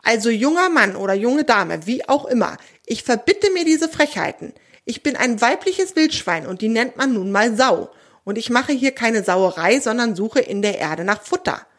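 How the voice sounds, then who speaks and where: A woman's voice: mid-range voice, lively intonation, moderate pace. A woman voicing a proud, friendly female wild boar in a children's audio story, speaking with dignity and easy indignation. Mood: indignant.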